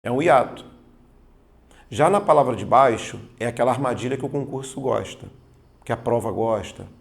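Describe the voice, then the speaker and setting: Gravelly-voiced male grammar teacher. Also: medium pitch, moderate pace. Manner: patient, explanatory, keeps checking understanding with "tá vendo?" and "certo?"; leans on stressed spoken examples. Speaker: Portuguese teacher. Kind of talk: exam-prep grammar lesson.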